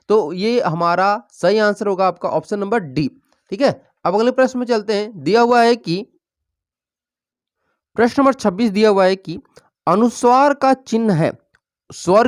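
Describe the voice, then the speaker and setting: A teacher works through exam questions one at a time, reading out each set of options and then explaining the right answer. The delivery is steady and patient, with frequent little check-ins to keep the class along. The voice sits at a middle pitch, and the recording is dry with no room sound. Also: no room sound. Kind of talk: exam-prep lesson going through quiz questions.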